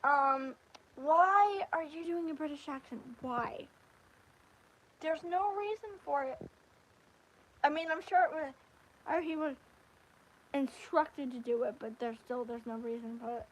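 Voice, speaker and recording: A high-pitched woman hosts a casual stream about anime. She rambles and restarts her sentences, her voice lively and chatty. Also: a little slow, long pauses, slight background noise, rough recording. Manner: rambling, animated, with frequent restarts and fillers. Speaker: livestream host. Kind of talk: casual anime review chat.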